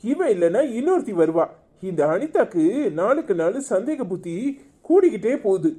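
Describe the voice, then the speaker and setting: A man's voice: high-pitched, big pitch swings, normal speed, dark tone. A man voicing a short-tempered, exasperated office boss in a cartoon, with a Tirunelveli Tamil accent and a scolding, fed-up way of talking.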